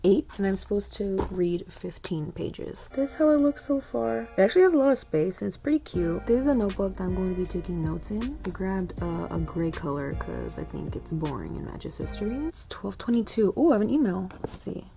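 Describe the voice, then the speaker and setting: Under a loft bed at home, a young adult student vlogger chats casually to her phone camera sitting on the couch, rambling with fillers. Her medium-pitched voice is animated, creaky, and a little fast, with hardly any pauses, and music plays underneath.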